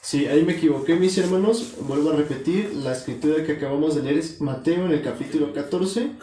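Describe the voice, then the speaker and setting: A male preacher delivers a sermon in an earnest, direct way, turning to his listeners as brothers. His voice is mellow and a little high for a man. The room around him rings with echo. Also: fairly quick. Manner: earnest, addresses listeners as brothers, corrects himself. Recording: echoey room.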